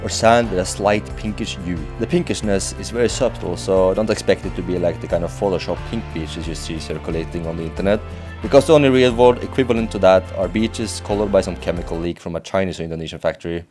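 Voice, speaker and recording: A man's voice: low voice, quick pace, over music. A man narrating his travel vlog with frank advice, speaking while he has a slight cold. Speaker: travel vlogger.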